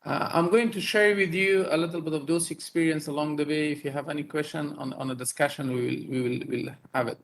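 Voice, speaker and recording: Halting Afghan-born male surgeon, fairly high voice. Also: steady tone, creaky, rough recording. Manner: halting, many fillers and repeated words. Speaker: neurosurgeon and professor presenting. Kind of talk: conference talk over video call.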